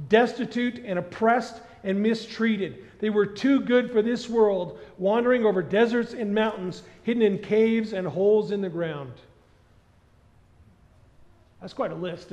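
A middle-aged man preaches from a large church stage, his voice sitting fairly high. He keeps putting questions to the congregation in an animated, conversational way. The sound is a little muffled, with long reverb rolling through the hall. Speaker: pastor. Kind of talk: sermon.

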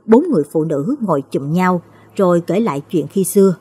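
A woman narrates a late-night story in a measured, expressive manner. Her voice is husky and fairly low, and her intonation rises and falls widely.

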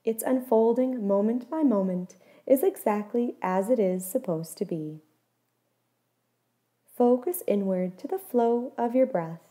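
A woman's voice, pitched on the high side, leads listeners through a body scan meditation. She speaks gently and at a measured pace, letting her phrases settle softly as they finish.

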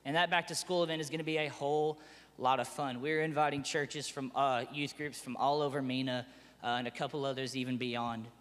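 A man giving church announcements from the front of a sanctuary, chatty, upbeat and excitable. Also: medium pitch, fairly quick, long reverb tail. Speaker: church pastor.

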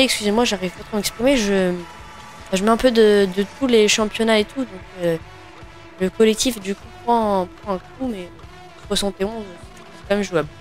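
A man giving casual gaming commentary while opening packs, hesitant and full of fillers and restarts. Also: high-pitched. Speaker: gaming video creator.

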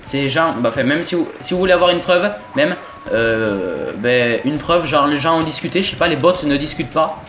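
Young man, southern French accent, fairly high voice, excitable gameplay commentary with frequent swearing, recorded in a roomy space. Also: moderate pace, slight background noise. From southern France. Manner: excitable, swears often, jokey asides. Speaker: gaming YouTuber. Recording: roomy home recording with game music.

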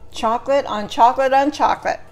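A woman's voice: sits high, a little fast, darkish tone, faint music behind. A middle-aged woman chatting casually as she demonstrates a recipe at home in her kitchen. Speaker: home cooking vlogger.

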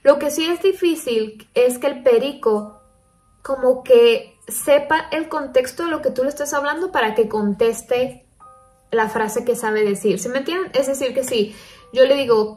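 A young woman vlogging casually to her viewers, chatty and thinking aloud with lots of fillers. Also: sits high. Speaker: paranormal stories vlogger.

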